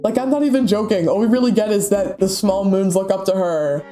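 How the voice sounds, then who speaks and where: A man's voice: high voice, fairly quick, mellow, faint music behind. A man with a stuffy voice from a cold, reading a scripted commentary rant with dry, sarcastic asides. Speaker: YouTube commentator.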